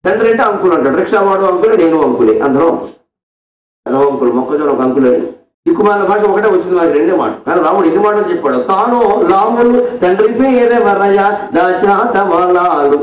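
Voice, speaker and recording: High-voiced man giving an echoey devotional discourse. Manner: animated storytelling, mixes explanation with slow chanted verse. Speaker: spiritual discourse speaker. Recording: echoey, distant, dull lo-fi sound.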